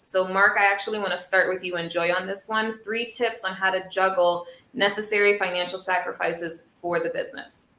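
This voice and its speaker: A woman hosting a casual interview, effusive and quick to laugh. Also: mid-range voice, echoey room. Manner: warm, effusive, laughs often. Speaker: host.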